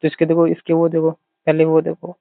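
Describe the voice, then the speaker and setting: A man's voice: fairly high pitch, completely flat delivery, fairly quick, vocal fry, no room sound. A man teaching an exam-prep vocabulary lesson, repeating himself often and explaining words with mnemonics. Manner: repetitive, keeps saying "theek hai", explains with mnemonics. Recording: thin phone-like dry audio.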